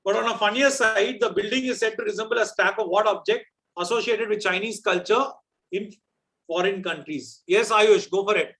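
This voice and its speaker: A man with a high voice and a South Indian accent works as a quiz host. He chats and teases as he goes, explaining things off the cuff. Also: normal speed, a bit bright.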